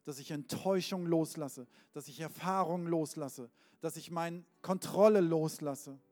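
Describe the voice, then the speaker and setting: A man's voice: a little high, measured pace, a little mellow. Male preacher: earnest, direct, storytelling, in a reverberant church hall. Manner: earnest, direct address to the listener. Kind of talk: sermon with storytelling. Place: large church hall with a live band. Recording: long hall reverb, faint band music.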